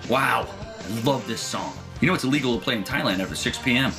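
Give a cocky young cartoon schemer played by a man. He is wry and sardonic, moving freely up and down in pitch, with music clearly behind him. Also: animated, fast, close to an everyday voice.

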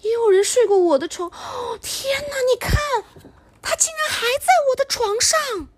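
A woman voicing a tiny, tearful baby bear cub in a storybook reading, squeaking and whimpering. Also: lively intonation, moderate pace, a little hiss or hum. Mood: alarmed.

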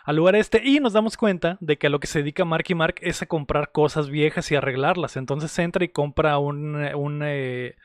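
A man's voice: fairly high pitch, normal speed, hardly any pauses, dry recording, clean studio sound. A man with a Mexican accent casually recapping a film on a podcast, rambling and joking with lots of slang.

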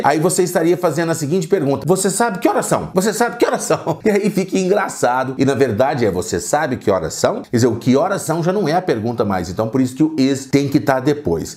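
Man, podcast teacher, animated lilting voice, patient, repeats examples slowly. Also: a little high. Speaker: English teacher and podcast host. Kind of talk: podcast language lesson.

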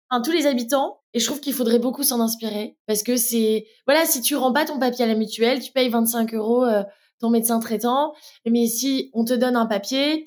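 A woman's voice: fairly high pitch, a little mellow. A woman from France with a French accent, a brand co-founder speaking candidly in a casual interview, with frequent hesitations. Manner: many fillers and restarts, candid.

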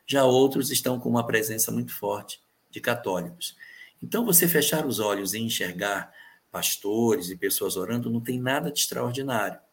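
A man answering viewer questions in a calm, measured explanatory talk, repeating key phrases for emphasis. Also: mid-range voice. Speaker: spiritist guest answering questions.

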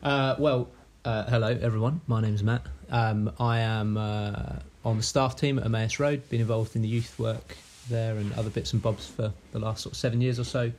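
A man's voice: on the low side, fairly even intonation, normal speed, hardly any pauses, a little mellow. A man in his thirties with a southern English accent, a laid-back guest on a video call. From south of England. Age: 30s. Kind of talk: casual chat on a video call.

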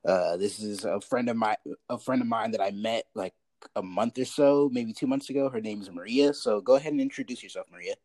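A man's voice: lowish voice, fairly quick, a little mellow, dry recording. A man hosting a podcast, chatting in a laid-back, slangy way with many fillers. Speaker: podcast host. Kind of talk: casual interview.

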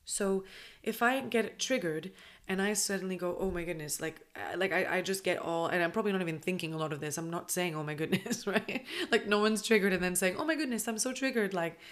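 A woman's voice: fairly low pitch, brisk. A woman hosting a podcast, explaining in a casual, rambling way with many fillers and restarts. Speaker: podcast host.

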